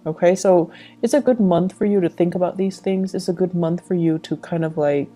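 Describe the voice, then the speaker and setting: A woman with a dark, mellow, fairly low voice gives an intuitive tarot reading, speaking directly to the listener. As a tarot reader and channel host, she sounds reflective and offers advice.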